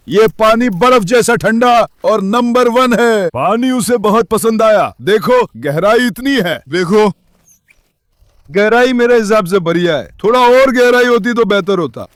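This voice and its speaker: A man's voice: high voice, unhurried, dry recording, clean studio sound. A young man casually talking on a vlog, coaxing and calling to his dogs. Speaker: vlogger with dogs.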